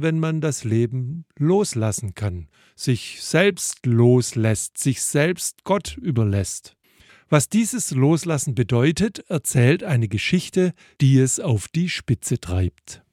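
A man giving a thoughtful devotional reflection, speaking in a measured way. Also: mid-range voice, big pitch swings, a little mellow, dry recording, clean studio sound. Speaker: preacher.

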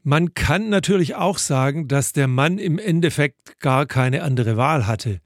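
A man giving a thoughtful devotional reflection, speaking in a measured way. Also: fairly high pitch, expressive, dry recording, clean studio sound. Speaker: preacher.

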